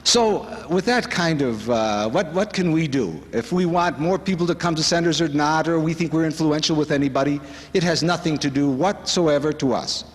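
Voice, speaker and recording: A man gives a devotional talk at a retreat, sharing stories in an earnest, reflective way. His voice sits a little high for a man. The sound carries a long reverb, as in a conference hall. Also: normal speed. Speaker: speaker at a spiritual retreat.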